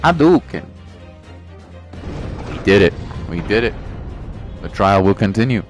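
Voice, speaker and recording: A man's voice: deep voice, normal speed, soft background music. A man hosting a video game playthrough, mixing casual commentary with dialogue read aloud.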